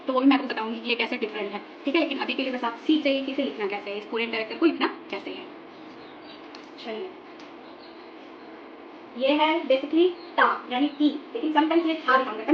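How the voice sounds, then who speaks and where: A high-pitched woman talks through a language lesson in a chatty, patient way, often dropping English words into her sentences. The recording is a little dull and lo-fi, with faint hiss underneath. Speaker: language tutor. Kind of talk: casual spoken lesson.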